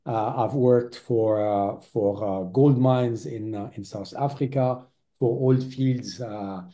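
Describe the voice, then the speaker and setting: A man in his forties from Lebanon speaks as a podcast guest, his voice very dark and mellow. He talks at a middle pitch, pausing often and filling gaps with hesitant sounds. His delivery is relaxed and conversational. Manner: hesitant, many filler sounds. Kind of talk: interview conversation.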